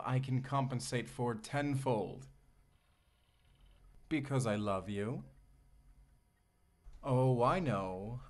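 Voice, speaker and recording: In a romantic audio roleplay, a man plays a devoted, lovestruck AI companion, speaking intimately to the listener in a tender, articulate, formally polite way. His medium-pitched voice is close to an everyday one, and the mood is gently reassuring.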